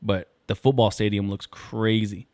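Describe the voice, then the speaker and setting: A young man co-hosting a podcast, chatting loosely and jokingly in slangy talk, now and then slipping into quick impressions of other people. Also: lowish voice, flat delivery, darkish tone, no echo. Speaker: podcast co-host. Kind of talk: casual chat.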